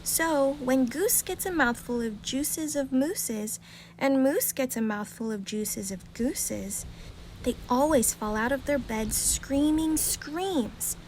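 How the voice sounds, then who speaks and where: A woman reads a rhyming children's bedtime story aloud in a calm, gentle, expressive storytelling way. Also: high-pitched, slow, slight background noise.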